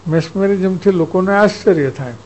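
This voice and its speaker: A man's voice: high-pitched, brisk, a little mellow, a little hiss or hum, poor audio. A man, a spiritual teacher giving a discourse who tells stories and acts out exchanges. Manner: storytelling, acts out exchanges, chuckles.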